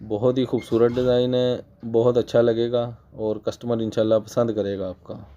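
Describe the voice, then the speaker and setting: In this casual tutorial voice-over, a man with a Pakistani Urdu accent and a cold-roughened voice takes viewers step by step through his sewing machine work, patiently repeating the main points. His medium-pitched voice is mellow and dark, flat in delivery at normal speed, broken by frequent throat-clearing. The sound quality is dull and lo-fi.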